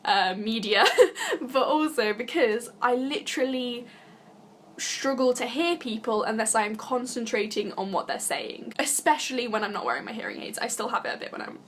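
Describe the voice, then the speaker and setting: Young british girl rambling to her camera, lots of likes and ums, laughs a lot, kinda high voice. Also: normal speed, a bit bright, a little hiss or hum. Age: young adult. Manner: chatty, giggly, full of fillers like "like" and "um". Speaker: vlogger. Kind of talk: casual vlog talk to camera.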